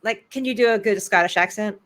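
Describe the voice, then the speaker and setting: A woman author interviewing a guest on a video call, chatting casually and telling lively stories with dramatic exclamations. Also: mid-range voice. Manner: animated storyteller, dramatic exclamations and quick asides.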